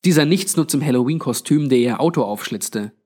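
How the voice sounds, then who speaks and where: A man's voice: mid-range voice, expressive, warm tone. Man narrating a suspense story. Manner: measured, storytelling. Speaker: audiobook narrator. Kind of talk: scripted narration.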